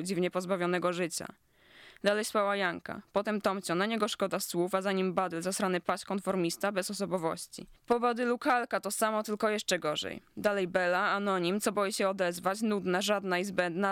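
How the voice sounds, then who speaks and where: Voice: mid-range voice, a bit bright, smooth, dry recording, clean studio sound. A narrator reading a literary story aloud in a sardonic, biting manner.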